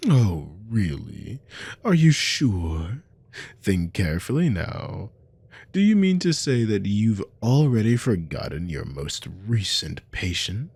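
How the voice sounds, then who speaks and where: A man playing a cruel, haughty naga army commander in an ASMR role-play, slow and domineering, with a gravelly, breathy voice. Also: lowish voice, very animated, a little mellow, dry recording, heavily acted. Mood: taunting, sly. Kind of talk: scripted ASMR role-play monologue to a captive listener.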